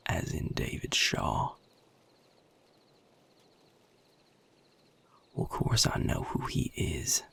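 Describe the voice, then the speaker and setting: A man speaking with a Southern US drawl, folksy and guarded, acts out a weary, protective vampire sire in an intimate, one-sided audio roleplay. His very deep voice is gravelly, husky, and breathy, heavily acted, and he sounds wary and firm.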